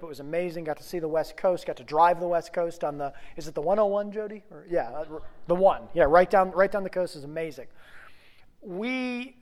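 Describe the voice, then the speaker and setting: A man's voice: fairly high pitch, long reverb tail. A man in his forties preaching a sermon as pastor, telling a personal story in a conversational, self-deprecating way before turning to scripture and prayer. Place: church sanctuary.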